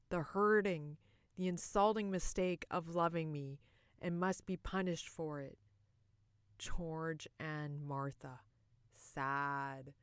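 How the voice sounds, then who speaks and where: A woman delivers a stage monologue as a resentful, hard-drinking middle-aged wife who mocks and loathes herself, using dramatic pauses and shifts from loud to hushed. She sits low in pitch, and the clean studio sound has no echo. The feeling is anguished and full of regret.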